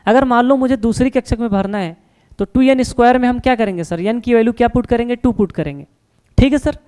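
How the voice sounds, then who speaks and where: A man with a smooth, clear voice teaches a science lesson at the board. He keeps firing questions and answering them himself, calling his students "beta" and "sir" and reassuring them that nothing is hard. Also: very high-pitched, fast talker, a little mellow. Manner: reassuring, repeats "no problem".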